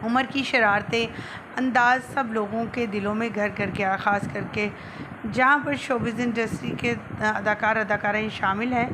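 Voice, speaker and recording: A woman's voice: fairly high pitch, fairly even intonation. A woman with a Pakistani accent hosts an online video channel, narrating news in a presenter's style. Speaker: YouTube channel host. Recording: clearly noisy background.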